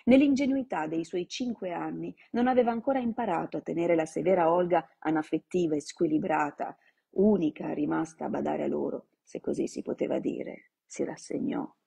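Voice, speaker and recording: Gravelly woman reading a dark novel aloud. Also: sits low. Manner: slow, dramatic storytelling. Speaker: reader. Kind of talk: dramatic audiobook-style reading. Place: home, live stream.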